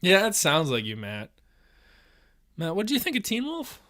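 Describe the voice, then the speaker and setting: A young man co-hosting a podcast, chatting casually with deadpan, absurd jokes. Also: high-pitched, moderate pace, no room sound, studio quality. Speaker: podcast co-host. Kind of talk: casual comedic chat.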